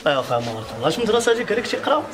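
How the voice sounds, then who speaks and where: A young man with a Moroccan accent, trading brisk street banter in a comedy sketch. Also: high-pitched, very animated.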